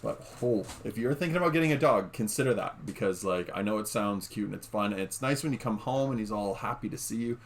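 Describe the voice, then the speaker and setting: A fast-talking man with a lowish voice and few pauses narrates gameplay from his home room, with slight background noise. The gaming YouTuber keeps it chatty, speaking to his "guys" directly and using lots of fillers.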